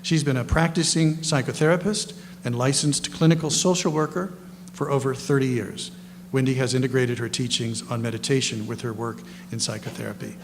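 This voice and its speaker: A man's voice: medium pitch, fairly even intonation, fairly quick. Rambling man introducing speakers in an echoey hall. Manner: rambling, self-correcting, folksy asides. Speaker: lecture host introducing guest panelists. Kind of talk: informal spoken introductions, partly read from notes. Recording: echoey hall, clear background noise and hum.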